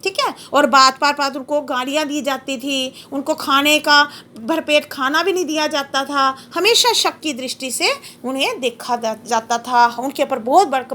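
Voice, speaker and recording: A woman teacher explaining a poem to her class, asking questions, reciting lines slowly and telling students what to note down. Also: high-pitched. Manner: lively, questioning, recites verse slowly, dictates notes.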